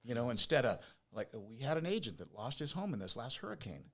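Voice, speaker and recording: A man's voice: medium pitch, sing-song, fast talker, fairly bright tone. An American man in his fifties or older with a whistling s, telling his story conversationally as an interview guest, with emphatic repetition and rhetorical questions. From Oregon, United States. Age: 50s or older. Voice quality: whistling s from new teeth. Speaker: podcast guest, business owner.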